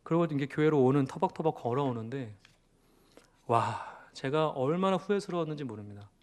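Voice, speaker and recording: A man's voice: a little high, animated, brisk, darkish tone. A man in his thirties, a pastor, preaching a storytelling sermon in an earnest, confessional way, with sudden raised bursts.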